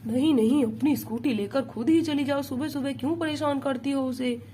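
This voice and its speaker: A woman's voice: sits high, fairly even intonation, moderate pace, mellow, a little hiss or hum, close to an everyday voice. A woman voicing an easygoing father doll. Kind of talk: doll play story.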